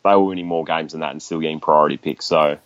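A man's voice: rumbling low, steady tone, quick pace, no room sound. An Australian man talking casually as a guest in a sports discussion, on slightly dull, lo-fi audio.

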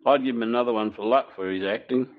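A man with an Australian accent co-hosting a podcast, blunt and joking, with halting restarts. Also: medium pitch, phone-quality sound. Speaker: podcast co-host.

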